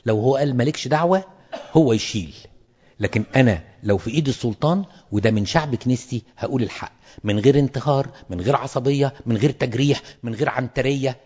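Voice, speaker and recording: A man's voice: mid-range voice, fast talker, a little mellow, slightly rough, big-room sound, highs cut off. A man with an Egyptian Arabic accent gives a pastoral lecture to fellow priests and stresses points by repeating words. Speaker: clergyman teaching priests.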